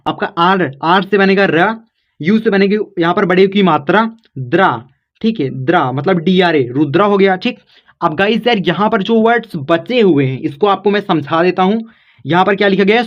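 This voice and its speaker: A man's voice: high voice, muffled recording. A man teaching a spoken tutorial lesson, explaining patiently and checking in after every step. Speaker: English teacher.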